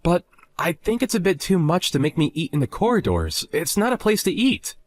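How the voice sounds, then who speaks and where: A defensive, easily indignant young husband argues his side in a chat-story drama, as a man acts him out. His voice is a bit high for a man and swings widely in pitch. It is recorded dry and close. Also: sing-song, fairly quick, no echo.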